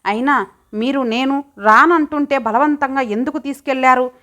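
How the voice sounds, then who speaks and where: A young wife pushed too far, her higher voice tearful and indignant as she fights back, read by a woman narrator. The lines come as part of a spoken audiobook story. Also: normal speed, a bit bright. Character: young wife, hurt and defiant.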